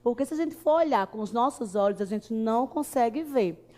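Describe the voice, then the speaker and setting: A woman's voice: fairly high pitch, expressive, a little fast, dark tone. A woman with a Brazilian Portuguese accent teaching young children like a kids show host, cheerful and sing-song, posing questions and answering them.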